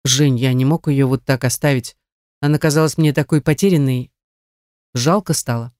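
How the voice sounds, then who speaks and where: A woman voicing a calm, caring man who soothes his fiancée, in an audiobook. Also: very deep voice, normal speed, dry recording, studio quality, voice pushed down. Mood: soothing.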